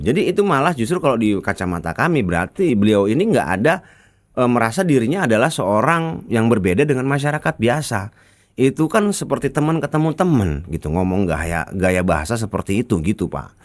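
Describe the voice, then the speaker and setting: A man's voice: mid-range voice, sing-song, a little fast. A man with a Sundanese accent giving a chatty, colloquial commentary that rebuts a news article. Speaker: political commentator.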